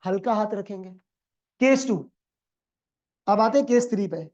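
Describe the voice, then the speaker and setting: A man's voice: high voice, measured pace, a little mellow, lo-fi sound. A man teaching an accounting class, quizzing students and acting out dialogues in a lecture.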